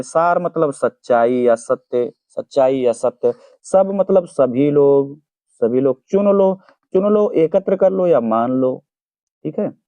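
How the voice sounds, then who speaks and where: Male teacher, slightly high voice, patient dictation pace, dry tinny phone-quality recording. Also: warm tone, no room sound. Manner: slow, repeats each meaning for dictation. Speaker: Hindi teacher. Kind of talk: explaining poem word by word. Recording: dry, phone-like narrow sound.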